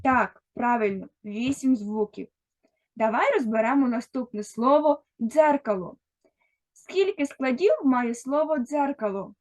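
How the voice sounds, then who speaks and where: A woman's voice: on the high side, unhurried, a little mellow. A woman teaching a first-grade literacy lesson, speaking patiently and directly to a young child. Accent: Ukrainian. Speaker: primary school teacher.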